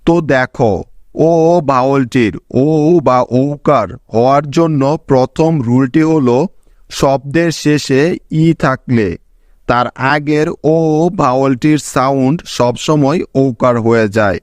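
A man with a Bangladeshi accent teaching a scripted phonics lesson, listing example words in an even, instructive delivery. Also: medium pitch, unhurried, no echo. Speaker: English teacher.

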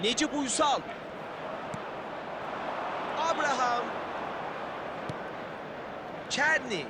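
A man calling a football match play by play, raising his voice to shouts on attacks and goals. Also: extremely high pitch, extremely slow, heavily acted. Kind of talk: excited match commentary. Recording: loud stadium crowd noise over commentary. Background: roaring stadium crowd.

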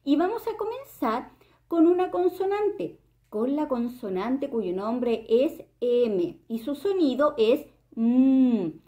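Slow, patient kindergarten teacher. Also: female voice, high voice, animated, warm tone. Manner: slow, patient, prompting the children with questions. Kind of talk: explaining a lesson to young children.

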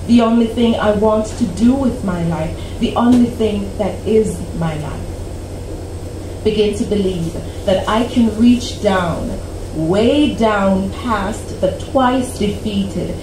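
Recorded from the back of a small cafe by a camera, with roomy, distant, humming audio, a poet from Canada of about forty reads her own poem into a stand mic at an open mic night. Her medium-pitched delivery is slow and deliberate, punctuated by dramatic pauses, for a seated audience.

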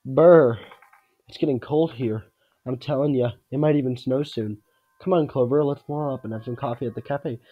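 A man's voice: medium pitch, moderate pace, muffled recording, natural voice. A man voicing a friendly, admiring young man from a video game, chatty and earnest. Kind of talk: video game character read aloud.

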